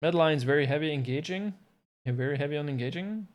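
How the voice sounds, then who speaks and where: Talking fast in a slightly high voice, a male caster offers informal live commentary on an esports match from his home setup. He thinks aloud and drops self-deprecating remarks.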